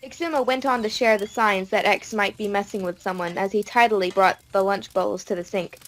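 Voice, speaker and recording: A woman narrating an audiobook in a steady storytelling manner. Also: medium pitch, brisk, poor audio.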